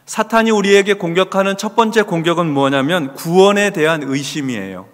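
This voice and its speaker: A man's voice: high-pitched, expressive, brisk, a bit bright. A man preaching a Bible study sermon as pastor in a church, asking the congregation questions and answering them himself. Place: church sanctuary. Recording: long hall reverb.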